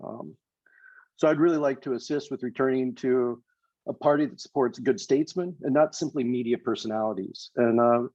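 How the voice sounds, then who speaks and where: A man giving a prepared candidate statement on a video call. He speaks in a measured way, with many hesitation fillers. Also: medium pitch, darkish tone, no room sound, dull audio. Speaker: candidate for party office.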